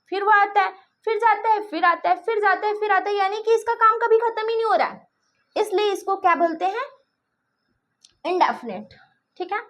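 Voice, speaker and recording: A woman teacher explaining a grammar lesson, speaking examples, often repeating herself and checking that students follow. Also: very high-pitched. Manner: repetitive, checks understanding often.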